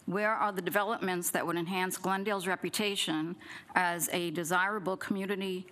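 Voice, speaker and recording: A resident speaking at public comment, a middle-aged woman uses the podium gooseneck mic in a city council chamber. Her fairly low, a bit bright voice moves briskly with fairly even intonation as she poses pointed questions, partly from notes.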